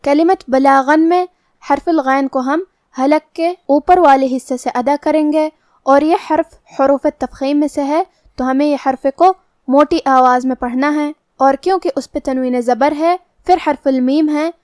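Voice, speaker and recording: A woman teaching the rules of Quran recitation, explaining each letter methodically between slow recited verses. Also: high-pitched, fairly even intonation, darkish tone, no echo, studio quality. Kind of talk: tajweed lesson with slow recitation.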